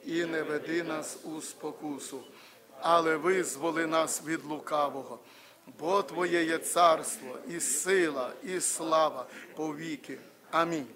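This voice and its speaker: A man reciting a prayer aloud in church, steady and measured. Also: a little high, a crowd in the background.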